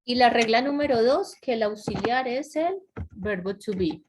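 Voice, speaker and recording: A woman's voice: a little high, animated, normal speed, slight background noise, rough recording. Woman teaching grammar in an online class. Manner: explains step by step, with many restarts. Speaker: English teacher. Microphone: video call.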